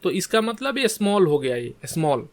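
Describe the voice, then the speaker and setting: A man's voice: high-pitched, sing-song, normal speed. A man teaching a screen-share coding lesson in Hindi mixed with English tech terms, often checking in with "ठीक है". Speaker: coding tutor.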